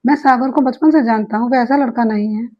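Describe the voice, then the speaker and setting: A woman voicing a calm, reassuring young man in a read-aloud story, reasoning steadily. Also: a little high, fairly quick, dull audio, close to an everyday voice.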